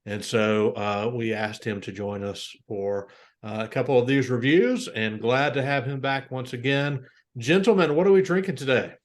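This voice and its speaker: A man's voice: mid-range voice, moderate pace. Easygoing male beer-review host. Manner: relaxed, easygoing, frequent "uh" fillers. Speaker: podcast host. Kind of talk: casual beer review chat.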